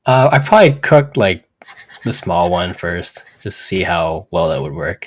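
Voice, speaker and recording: Husky, rambling male player. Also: low-pitched, very animated, normal speed. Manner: rambling, many fillers like "like". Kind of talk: casual tabletop game chat.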